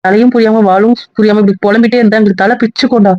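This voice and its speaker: A man doing a pushy, fast-talking teasing friend. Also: high-pitched, fairly even intonation, dry recording, voice pushed up, close to an everyday voice. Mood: pressing. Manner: insistent, nagging questions. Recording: dull lo-fi recording.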